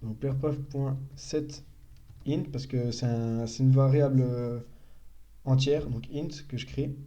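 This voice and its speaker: A man's voice: mid-range voice, fairly even intonation, slow pace, mellow, muffled recording. A young man giving a casual live-stream coding tutorial, thinking aloud and correcting himself as he explains. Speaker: programming tutor.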